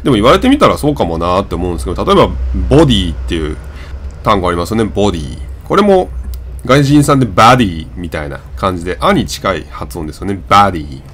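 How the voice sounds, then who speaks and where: A man's voice: fairly low pitch, huge pitch swings, fast talker, slight background noise. A man whose first language is Japanese, casually teaching English pronunciation and drawing out vowel sounds as examples. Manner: demonstrates vowel sounds, repeating and drawing them out. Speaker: channel host.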